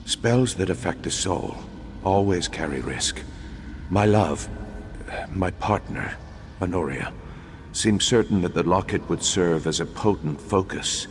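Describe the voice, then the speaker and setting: In dramatic video game dialogue, a male actor with a low voice plays a grave, remorseful undead imperial battle mage, delivering lines formally, solemnly, and with measured pacing. A long hollow reverb and faint background noise color the recording.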